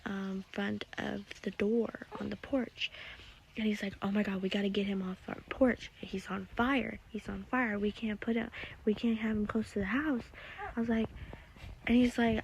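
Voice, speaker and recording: Brief: young woman, just woke up, gravelly voice, rambling half-whispered storytelling, noisy recording with clicks. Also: medium pitch, highs cut off. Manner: swears a lot, rambling, often half-whispered. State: just woken up. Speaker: vlogger. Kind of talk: casual storytelling.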